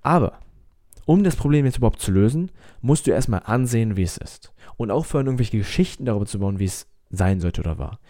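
Male self-help coach, mellow and lowish, American accent in German, emphatic direct address. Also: no room sound, clean studio sound. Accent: American-tinged German. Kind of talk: motivational talk to viewers.

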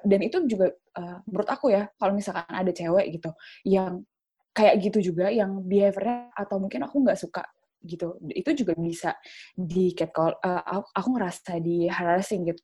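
A woman's voice: lowish voice, mellow, husky. A woman speaking as a panelist in a casual discussion, chatty and full of fillers. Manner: chatty, repeats fillers like gitu and kayak.

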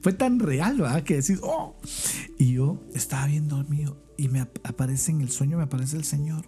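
A man on a podcast, telling lively anecdotes in casual chat and laughing often as he goes. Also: on the high side, fairly quick, faint music behind. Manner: animated, laughs while telling stories. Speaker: podcast guest. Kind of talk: casual storytelling.

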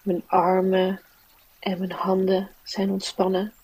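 A woman leading a guided relaxation in a soft, soothing, unhurried manner. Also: mid-range voice, monotone, slightly rough, dry recording, recorded from a distance, rough recording. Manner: soft, slow, soothing guiding delivery. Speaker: mindfulness teacher and meditation guide.

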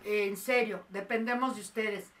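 A woman's voice: medium pitch, steady tone, moderate pace, far from the mic. A woman co-hosting a casual talk show, playful and pleading earnestly with the audience. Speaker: co-host. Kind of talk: casual chat.

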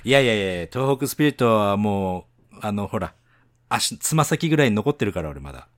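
A man from Tohoku, Japan co-hosting a casual bilingual chat, laughing often and protesting with animated repeated denials. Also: fairly low pitch, a little fast, no room sound, studio quality. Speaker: podcast co-host.

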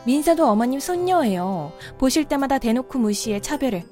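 A woman's voice: high voice, sing-song, a little fast, a little mellow. A woman voicing a respectful yet insistent daughter-in-law and mother, in a cartoon drama. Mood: firm. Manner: polite, respectful, growing insistent. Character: daughter-in-law, polite but firm mother. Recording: faint background music.

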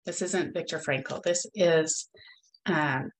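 A woman's voice: low-pitched, slow pace, rough recording. A middle-aged woman hosting her own podcast, talking in an earnest, upbeat, encouraging way. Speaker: podcast host. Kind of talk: solo podcast talk.

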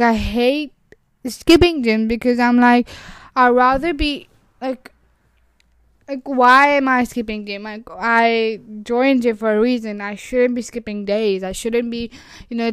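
A young woman with an Urdu accent rambles through a casual solo podcast monologue, leaning heavily on "like" and restarting sentences. Her voice is a little high, smooth and clear, recorded close and dry with no room sound or echo.

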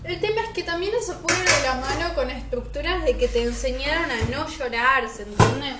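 A woman's voice: high-pitched, normal speed, reverberant, very noisy. A teenage girl with a Rioplatense Spanish accent, talking in a chatty, emphatic spoken-diary monologue. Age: teens. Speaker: vlogger.

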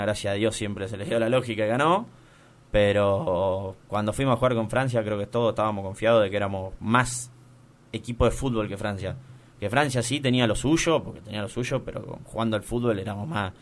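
A young Argentine man telling the story of a football final he saw in person, animated, with many restarts. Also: fairly low pitch. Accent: Argentine Spanish. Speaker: guest recounting attending a football final. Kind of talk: casual chat.

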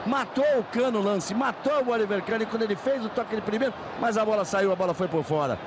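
A Brazilian man giving explosive live football commentary, shouting and stretching out his goal calls. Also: high voice, fast, crowd noise. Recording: noisy archive stadium sports broadcast. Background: stadium noise.

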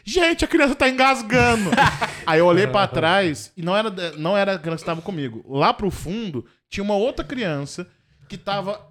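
A man's voice: high voice, brisk, crowd noise. A man from Minas Gerais telling a funny travel story in a casual chat, acting out the voices and laughing often. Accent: Brazilian Portuguese, from Minas Gerais. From Minas Gerais, Brazil. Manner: excitable, acts out voices, laughs a lot.

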